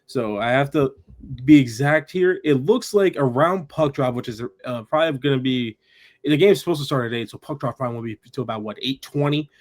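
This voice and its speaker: Regular-pitched guy co-hosting a hockey podcast, chatty, full of stats. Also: a little fast. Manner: chatty, reels off stats and trivia. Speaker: podcast co-host. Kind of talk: casual hockey podcast chat.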